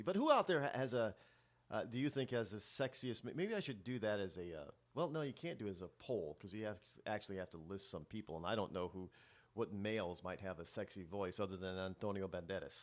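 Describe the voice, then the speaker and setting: Rambling, lively-voiced middle-aged male host. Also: lowish voice. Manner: rambling, with frequent restarts and fillers. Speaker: talk show host. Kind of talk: casual solo talk-show monologue.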